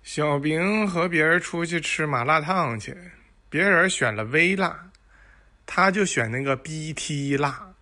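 A man's voice: a little high, a little slow, sharp tone. A man hosting a joke show, telling corny dad jokes to listeners in a playful, teasing way and acting out the dialogue.

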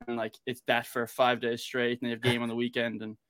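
A man's voice: medium pitch, completely flat delivery, brisk, fairly bright tone. A man from Galway with a west of Ireland accent, talking informally and rambling a little as a guest on a casual podcast. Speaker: interview guest, American football player.

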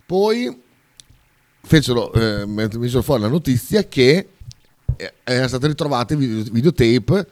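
A man's voice: medium pitch, sing-song, moderate pace, darkish tone, no echo. A man with a Bolognese Italian accent co-hosting a radio show in casual, colloquial chat, with swearing and dialect words.

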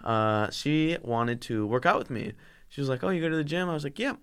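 A man's voice: on the high side, expressive, brisk, clean tone. A young man co-hosting a podcast, telling stories in casual chat, swearing freely and laughing as he talks. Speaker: podcast co-host.

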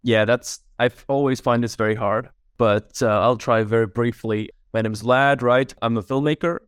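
On a podcast, a Czech man in his twenties who works as a filmmaker talks through a casual interview at normal speed. He has a mid-range voice with a clean tone and leans on fillers such as "like" and "right?" while sounding relaxed and thoughtful. The studio-quality recording has no echo. He is from the Czech Republic.

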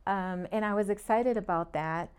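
A woman's voice: medium pitch, moderate pace, darkish tone, smooth. A middle-aged woman from Puerto Rico, a real estate agent guest talking earnestly and in detail in a casual interview, often laughing between points.

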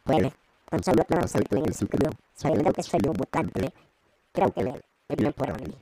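A man's voice: mid-range voice, lively intonation, moderate pace, dark tone, a little hiss or hum. A man voicing a stammering, injured male mutant through a half-robotic voice filter in an amateur comedy skit. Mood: bewildered. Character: cow-faced male mutant, injured, odd voice.

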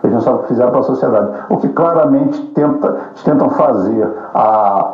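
A man's voice: medium pitch, brisk. Profane, combative man on a roomy recording. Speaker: political commentator. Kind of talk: casual political monologue. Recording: roomy, dull lo-fi, faint music.

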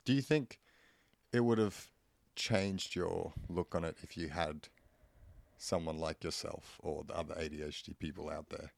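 Guy co-hosting a podcast, gravelly voice, dry close mic, laid back. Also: deep voice, steady tone, normal speed, no room sound. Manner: laid-back, brief interjections. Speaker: podcast co-host. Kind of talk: casual podcast chat.

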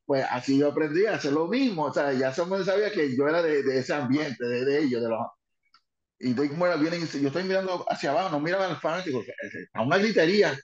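An older man, a former wrestling manager telling lively stories and slipping English phrases into his talk. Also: on the high side, fast talker. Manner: lively, mixes in English phrases, many restarts. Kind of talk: animated anecdote telling. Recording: dull, roomy recording.

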